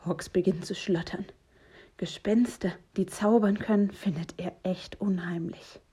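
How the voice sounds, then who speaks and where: A woman reading a children's bedtime story aloud, soft and gentle, often hushed. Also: fairly low pitch, fairly even intonation, measured pace, breathy edge. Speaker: reader.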